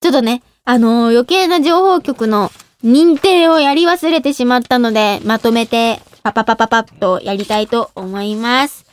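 A woman's voice: on the high side, moderate pace, few pauses, clear, resonant tone. A woman in her twenties hosting a radio show in casual, giggly talk, often laughing at herself. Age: 20s. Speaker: radio show host and idol.

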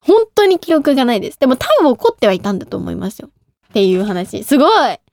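A woman's voice: fairly high pitch, big pitch swings, quick pace, creaky, darkish tone. A woman in her twenties hosting a radio show in casual, giggly talk, often laughing at herself. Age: 20s. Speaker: radio show host and idol.

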